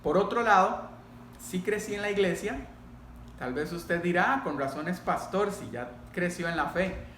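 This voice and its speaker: A middle-aged pastor from Costa Rica shares his personal testimony with a congregation, speaking deliberately, pausing, and addressing listeners directly. His voice is fairly high and bright, and the room has a clear echo with faint noise behind him.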